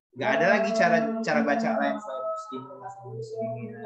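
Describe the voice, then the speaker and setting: A man's voice: high voice, roomy sound, heavy background noise. A male teacher giving a grammar lesson, explaining patiently, repeating examples and calling on students by name. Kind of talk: classroom lesson.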